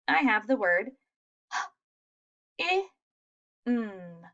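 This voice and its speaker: A woman teaching a phonics lesson to young children, sounding out letters slowly and praising answers. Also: a little high, very animated, fairly bright tone, dull audio. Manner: slow, sounding out letters, encouraging.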